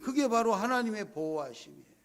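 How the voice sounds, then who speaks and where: High-voiced man preaching a conversational sermon. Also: lively intonation, a little fast, fairly bright tone. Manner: conversational, acts out his own prayers in quoted speech. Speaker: pastor. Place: church sanctuary.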